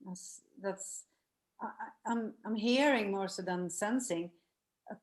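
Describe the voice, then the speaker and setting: A woman co-hosting a group healing session who speaks quietly and hesitantly, searching for her words. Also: mid-range voice, slow. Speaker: BodyTalk practitioner, co-host.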